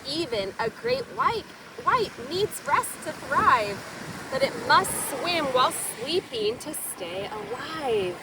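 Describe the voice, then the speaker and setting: Here a woman reads a picture book to small children, her high, animated voice rising and falling dramatically as she stops to explain words in simple terms. She goes slowly. Recorded on a distant mic, the clip carries noisy outdoor sound much like surf.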